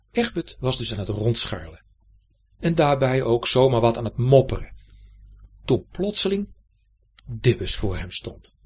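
A man reading a children's story aloud in a gentle, playful storytelling manner. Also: medium pitch, breathy edge.

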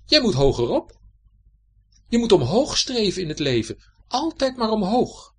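A man voicing a boastful male lizard cousin who lectures loudly, his pitch climbing. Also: wildly swooping pitch, measured pace, husky, exaggerated voice. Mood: lecturing.

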